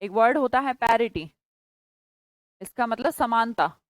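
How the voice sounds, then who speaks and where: A woman teaching English vocabulary to a class in Hindi mixed with English words, stretching key words slowly and scolding students by name. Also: on the high side, lively intonation, dry recording, rough recording. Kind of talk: classroom lesson.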